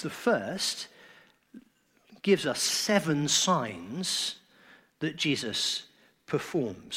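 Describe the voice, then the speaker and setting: A man preaching a sermon in an earnest, emphatic way, his phrases often trailing off softly. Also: a little high, husky.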